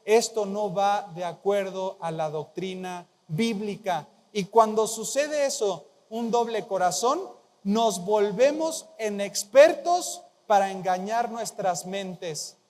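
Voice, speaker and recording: A pastor preaching in a high voice and at an unhurried, deliberate pace. He hammers key phrases by repeating them and prompts the congregation to answer back. His voice rings with a long reverb across a large church hall. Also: a little mellow. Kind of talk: sermon.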